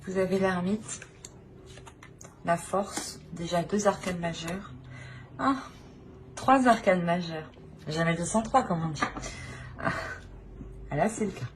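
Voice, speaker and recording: She takes her time, pausing often, in a lowish voice over background noise. The channel's tarot reader improvises her reading haltingly, searching for words and restating phrases again and again.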